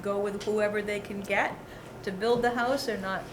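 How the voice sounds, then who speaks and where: A woman's voice: mid-range voice, steady tone, moderate pace. A woman talking in an outspoken, conversational way at a committee meeting. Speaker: committee member at a local meeting. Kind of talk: informal meeting discussion. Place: indoor meeting room. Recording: echoey meeting room with clear background noise.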